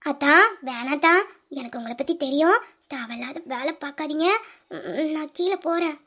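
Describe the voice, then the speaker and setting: A performer voicing a shy, soft-spoken young woman with firm principles, in an audio drama. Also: high-pitched, moderate pace.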